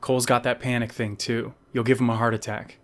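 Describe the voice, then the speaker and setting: A man's voice: mid-range voice, little pitch movement, a little fast, natural voice. A man voicing a big, brash teenage boy in a novel reading, snappy and bossy.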